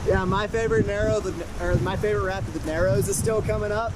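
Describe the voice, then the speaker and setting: A man's voice: high-pitched, steady tone, quick pace. A man working as a whitewater rafting guide, chatting casually with his group outdoors on a raft. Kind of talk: casual guiding chat. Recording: loud river water noise.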